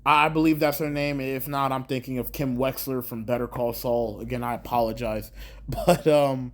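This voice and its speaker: A man's voice: mid-range voice, steady tone, normal speed. Rambling casual male show reviewer. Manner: rambling, many fillers and restarts; candid, swears casually.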